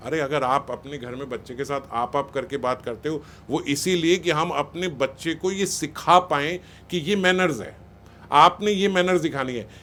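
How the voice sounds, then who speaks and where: A man's voice: on the high side, fairly bright tone. A man giving a spiritual talk on raising children, conversational and scolding, often acting out what parents and teachers say. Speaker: spiritual speaker.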